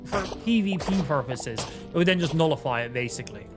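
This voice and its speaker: A man's voice: a little high, animated, fairly quick. A man livestreaming a game with casual, sweary, easygoing chat, his speech slightly impeded as if half his mouth is numb. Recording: music behind the voice. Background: music.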